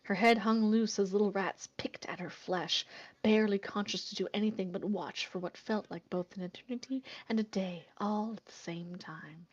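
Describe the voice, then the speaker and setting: A woman hosting a relaxed voice chat, her pitch sitting right in the middle of the range. She jokes and laughs easily with friends, then drops to a low, steady tone to read a story aloud over her chat mic. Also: normal speed, lo-fi sound. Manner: laughs often, joking; reads in a low, steady tone. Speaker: host reading fan fiction aloud. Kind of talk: casual voice chat and reading fiction aloud.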